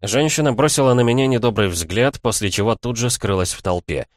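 A man narrating a first-person audiobook in a measured storytelling manner. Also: on the low side, dry recording, clean studio sound.

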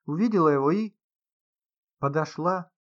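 A man voicing a nervous, panicky middle-aged woman writer who stammers and wails in a raised pitch, on a slightly dull recording. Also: normal speed, lightly acted. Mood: stammering. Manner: stammering, shrill, hysterical.

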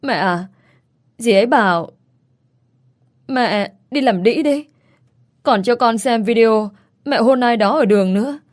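A woman's voice: on the high side, measured pace, pauses often, voice pushed up, lightly acted. A woman voicing a frightened little girl who sounds hurt and pleading. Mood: tearful pleading. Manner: pleading and plaintive.

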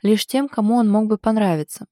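A woman's voice: medium pitch, brisk, dry recording, clean studio sound, pitched above the performer's own voice, close to an everyday voice. A woman reading the lines of a stubborn, ironic young wife in an audiobook. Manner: ironic, sulky, sharp.

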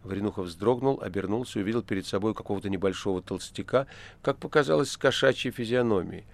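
A man narrating an audiobook in an expressive reading voice. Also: lowish voice, fast, creaky. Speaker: audiobook reader. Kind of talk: literary narration.

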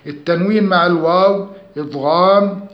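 A man teaching Quran recitation rules, chanting verses slowly and drawn out, then explaining them quickly. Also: sits high. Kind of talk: tajweed lesson with recitation. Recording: roomy, dull lo-fi sound.

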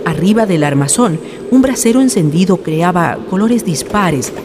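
A narrator delivers a scripted radio drama in a solemn, literary storytelling style, using a mid-range, expressive voice at normal speed. The recording carries noisy ambient sound.

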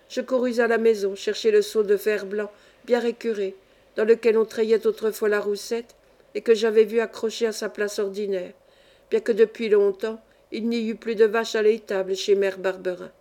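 A woman audiobook reader narrating a classic novel in a measured, expressive storytelling manner. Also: medium pitch.

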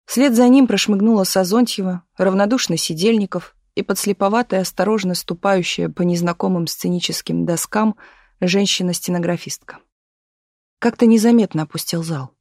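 Steady audiobook narrator, dry close sound. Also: mid-range voice, moderate pace, no room sound. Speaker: audiobook reader. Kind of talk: scripted narration.

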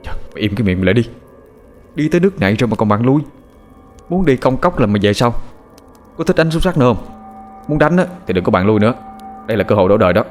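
A brash, greedy older brother in an audio story, scolding and ordering his sibling around, as a male narrator puts him on. He talks low, gruff and fast. The delivery is rough and bossy. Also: faint music behind, close to an everyday voice.

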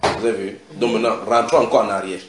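A man preaching a sermon, retelling scripture dramatically with sudden shouted quotes and direct questions to his listeners. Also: on the low side, level tone, fast, background noise. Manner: asks the audience direct questions. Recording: echoey room.

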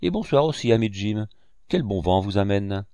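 A composed, clever doctor, read by a man asks measured questions in a low voice. He sounds calm and shrewd. The recording is dry and close. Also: clean tone, no echo.

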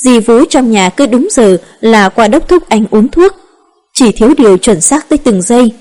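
Calm, steady woman narrator. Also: a little high, moderate pace. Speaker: audiobook narrator. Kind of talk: scripted narration of a romance novel.

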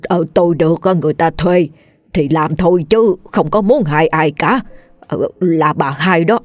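A woman voicing a frightened old male physician who begs for mercy in a hesitant, halting way. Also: low voice, no echo, natural voice. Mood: cowering.

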